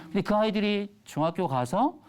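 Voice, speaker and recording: A middle-aged man, an elementary school teacher, giving a lively lecture on a TV stage and acting out the voices of children and parents. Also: sits high, a little fast, clean tone. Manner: animated storytelling, acts out children's and mothers' voices.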